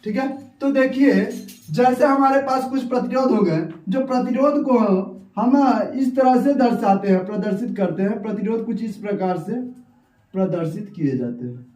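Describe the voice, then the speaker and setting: High-voiced man teaching in an echoey room. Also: expressive, normal speed, a little mellow, distant mic. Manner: explains step by step, repeats key terms. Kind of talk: whiteboard science lesson.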